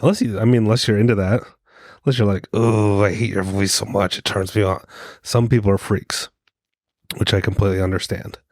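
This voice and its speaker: He speaks briskly with a steady tone, his voice on the low side, a little mellow and soothing. This podcast co-host, slightly congested from a cold, rambles through a joking, self-mocking casual monologue. The studio sound is clean, with no room sound.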